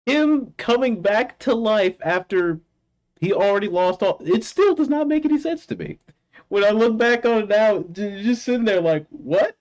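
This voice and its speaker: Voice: medium pitch, lively intonation, normal speed, darkish tone. A reaction video host giving casual commentary, musing and exclamatory, given to giggling. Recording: dull, lo-fi sound with music.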